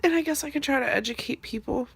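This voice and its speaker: A crying, blubbering woman in an emotional confessional monologue, halting and sighing, her voice creaky and breaking into whispers. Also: high-pitched, no echo.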